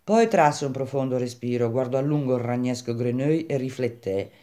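A man narrating a novel in a measured, even way. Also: mid-range voice. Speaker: audiobook reader. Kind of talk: novel reading.

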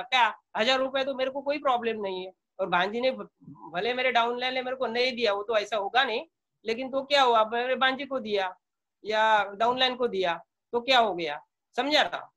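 A middle-aged man giving an informal sales training talk, telling a story in a calm, conversational way, often repeating himself and dropping in English phrases. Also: very high-pitched. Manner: calm, repeats words, many filler sounds.

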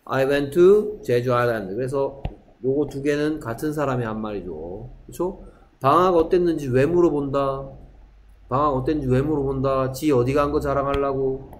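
In a classroom, a male English teacher with a medium-pitched voice works through a textbook dialogue. He reads each English line slowly and deliberately, repeatedly checking whether his students follow. There's slight background noise.

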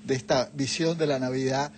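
A man's voice: mid-range voice, steady tone, normal speed, a little mellow, a little hiss or hum. An older man, a guest in a TV studio interview, explaining things reflectively into a lapel mic. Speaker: guest, Jesuit leader. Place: TV studio set, seated on a sofa.

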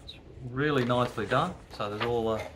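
On the floor of his hobby shop, an older man casually unboxes and shows off a model kit, rambling with fillers and restarts. His mid-range voice moves fairly quickly over background noise indoors.

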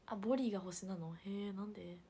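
A young woman livestreaming, chatting casually and reading viewer comments, with a hint of Hiroshima dialect and soft murmured asides. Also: medium pitch, fast, a little hiss or hum. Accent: picking up Hiroshima dialect. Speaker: idol livestreamer.

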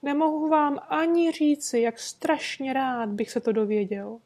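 A woman's voice: high-pitched, a little mellow, voice pushed up. A woman reading an audiobook, voicing a timid, frightened little rat-faced man who pleads in a trembling voice.

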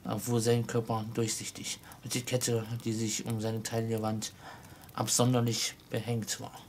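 Slow, even-voiced man reading a story. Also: on the low side, a little hiss or hum. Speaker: audiobook reader. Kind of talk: reading a classic story aloud.

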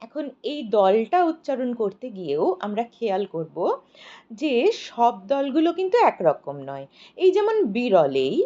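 A woman teaching poetic meter, explaining slowly and deliberately and drawing out example lines of verse as she says them. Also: a little high, big pitch swings, warm tone, muffled recording.

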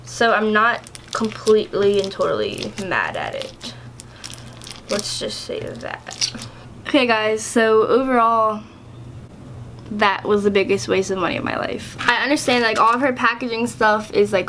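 A woman's voice: on the high side, a little slow, fairly bright tone, a little hiss or hum. Chatty young woman vlogging. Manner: chatty, filler-heavy, exasperated. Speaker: YouTuber. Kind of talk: casual vlog product review.

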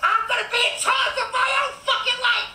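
A woman filming herself with a phone held at arm's length inside a cruise ship, talking in an agitated, demanding way and at times breaking into shouting. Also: very high voice, fairly even intonation, brisk, echoey room, poor audio. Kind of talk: phone video rant.

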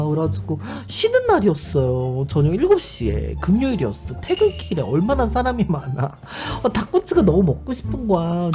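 A male streamer chatting casually and telling a story. He talks in an animated way, laughs often, and acts out other people's lines. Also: high-pitched. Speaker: YouTube streamer. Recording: background music under the voice. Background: music.

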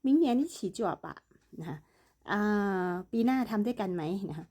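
Woman, Chinese teacher, patient and repetitive, warm mellow voice, medium pitch. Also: animated, normal speed, breathy edge. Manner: explains patiently, repeats words, acts out both dialogue parts. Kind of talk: bilingual language lesson, reading a dialogue.

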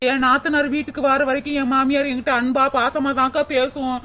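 High-voiced fed-up young daughter-in-law, a woman voicing her, whiny complaints. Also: little pitch movement, fairly quick, fairly bright tone. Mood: complaining. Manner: grumbling, plaintive. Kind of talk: cartoon voice acting.

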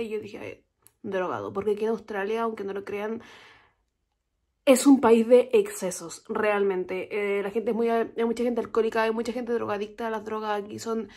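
A young woman with a Chilean Spanish accent telling a story to camera in a casual, animated vlog. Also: fairly high pitch, creaky. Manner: chatty, animated storytelling with quoted reactions. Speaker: vlogger.

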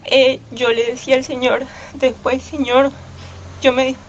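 A woman giving a personal religious testimony to her church, earnest and fervent, with halting restarts. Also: sits high, flat delivery, muffled recording, a little hiss or hum.

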